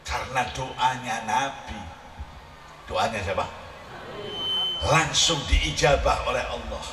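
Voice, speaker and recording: Man, lively humorous sermon, roomy distant hall sound, audience noise behind. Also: mid-range voice, slow. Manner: animated, mixes in regional words, shouts punchlines. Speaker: preacher. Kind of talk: humorous sermon at a religious gathering. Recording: echoey hall recording from far off, audience noise.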